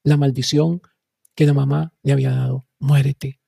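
Gravelly earnest male radio preacher. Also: mid-range voice, flat delivery, normal speed, warm tone, no room sound, studio quality. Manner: earnest, addresses listeners as brothers. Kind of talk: preaching talk on radio and video.

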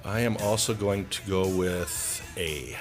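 Male radio panelist, low voice, deadpan quips, music bed audible. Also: slow. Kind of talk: casual radio quiz chat.

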